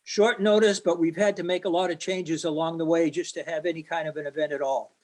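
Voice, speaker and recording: Guy asking for volunteers at a meeting, lots of uhs, a bit high-pitched. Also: fairly even intonation. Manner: halting, many fillers and restarts. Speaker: club member making an announcement. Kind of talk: meeting announcement.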